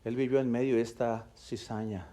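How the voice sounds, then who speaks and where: A middle-aged male pastor delivers a storytelling sermon at a mid-range pitch. He rises to loud, emphatic peaks and then drops to hushed, intimate passages. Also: steady tone, moderate pace.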